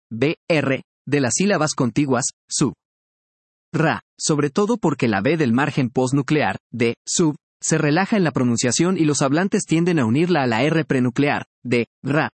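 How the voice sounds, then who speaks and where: A man narrating a scripted language lesson, measured and precise, spelling out syllables slowly. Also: a little high, no room sound. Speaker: language teacher.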